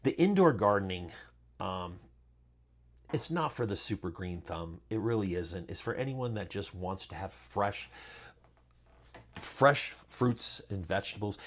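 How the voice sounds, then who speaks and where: Rambling low-voiced man talking gardening. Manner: rambling, filler-heavy, chatty asides. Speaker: channel host. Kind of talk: casual how-to talk.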